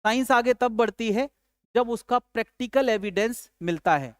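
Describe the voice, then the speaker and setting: A man's voice: very high voice, moderate pace, a bit bright, smooth, no echo, studio quality. A male physics teacher giving a casual lecture, chatty, joking and asking and answering his own questions. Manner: chatty, calls students "yaar", asks and answers own questions; jokes with students.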